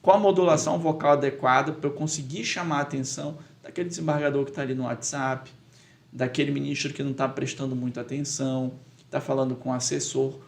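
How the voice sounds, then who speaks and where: A man, a lawyer and public speaking teacher answering as a podcast guest, talking emphatically and getting loud when he acts out a courtroom plea. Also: mid-range voice, steady tone, fast talker, vocal fry. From Pará, Brazil.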